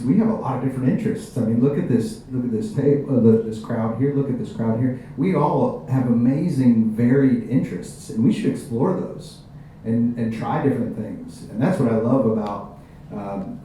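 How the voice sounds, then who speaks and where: Dark, mellow-voiced man in an echoey room. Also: mid-range voice. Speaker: panelist. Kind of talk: panel discussion, encouraging advice to an audience. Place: panel event room with an audience. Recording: very echoey room, distant mic, faint noise.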